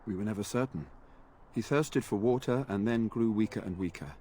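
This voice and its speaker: An actor playing an earnest, weary knight in a video game, speaking in formal, courtly phrases. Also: male voice, fairly low pitch, a little fast, dark tone, slight background noise, natural voice. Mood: solemn. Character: earnest knight sworn to a noble lord, weary and dutiful. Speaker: game character.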